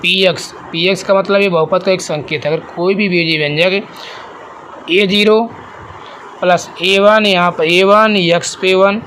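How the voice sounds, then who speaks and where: A high-pitched male math teacher talks through a lesson. He keeps asking the class questions and then answers them himself, and he slowly restates each definition. Faint noise hums behind him. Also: steady tone, fairly bright tone. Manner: repeats and rephrases definitions slowly.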